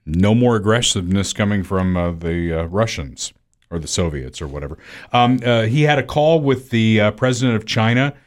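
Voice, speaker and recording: A man co-hosting a podcast, chatting casually about the news in a drawn-out, conversational way. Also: on the low side, animated. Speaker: podcast co-host. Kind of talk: casual political chat.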